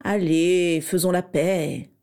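A woman reading the lines of a smug, playful teenage boy wizard in a storybook reading, in a raised, mellow voice. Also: mid-range voice, expressive, moderate pace, voice pushed up, lightly acted. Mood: smug teasing. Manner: playful, self-satisfied.

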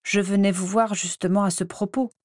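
A man's voice: high-pitched, steady tone, fairly quick, no echo, studio quality, lightly acted. A woman voicing a nervous young male ministry assistant who speaks hesitantly and apologetically. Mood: anxious.

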